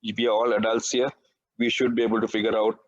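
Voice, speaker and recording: A man's voice: on the low side, level tone, quick pace. Sri man preaching, dull sound. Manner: conversational, peppered with "right?" tag questions. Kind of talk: sermon. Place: church.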